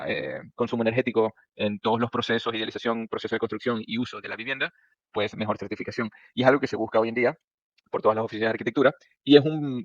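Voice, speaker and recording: A man's voice: on the low side, no room sound. A man from Venezuela with a Venezuelan Spanish accent, a startup founder explaining his project casually, full of fillers and tag questions. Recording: dull, dry lo-fi sound.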